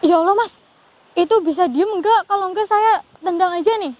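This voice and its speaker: A woman's voice: very high voice, normal speed, darkish tone, rough recording. A woman hosting a ghost-hunting vlog, speaking fearfully and murmuring prayers as she goes. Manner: fearful, praying aloud often. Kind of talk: live paranormal investigation vlog.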